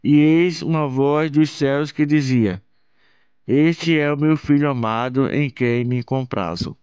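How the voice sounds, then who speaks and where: A Brazilian man reads scripture at an unhurried, solemn pace. His voice sits a little high and comes through smooth and resonant. The recording is close and dry, with a dull, lo-fi tone. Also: darkish tone, dry recording. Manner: slow, measured, solemn reading. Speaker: channel host reading scripture. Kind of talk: Bible reading.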